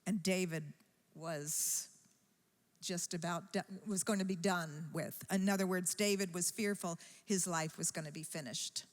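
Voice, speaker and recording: A woman preaching a sermon in a church, telling a story slowly and with rising emphasis. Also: fairly low pitch, steady tone. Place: church sanctuary. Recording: long church-hall reverb.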